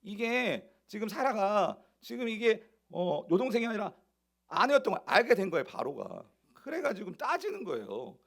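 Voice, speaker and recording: A man's voice: sits high, big pitch swings, normal speed, vocal fry. A male pastor preaching a sermon, asking the congregation rhetorical questions.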